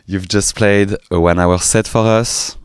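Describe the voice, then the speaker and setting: A man's voice: lowish voice, fairly even intonation, unhurried, clean tone, dry recording. A man with a French accent hosting a casual radio interview in a studio, playful and chatty. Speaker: radio host.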